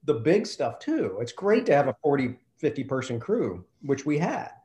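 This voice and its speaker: During a storytelling interview with roomy echo, a film director from Kentucky relates a behind-the-scenes anecdote in a warm, sing-song, mid-range voice at normal speed. He dramatizes the quoted exchanges as he goes.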